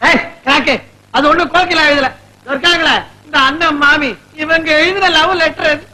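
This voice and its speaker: An actor playing a flustered comic husband who snaps back with quick, exasperated retorts in an old film comedy. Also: male voice, extremely high pitch, steady tone, pushed and bright, full character voice, low-quality recording. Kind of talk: 1970s Tamil film comedy acting.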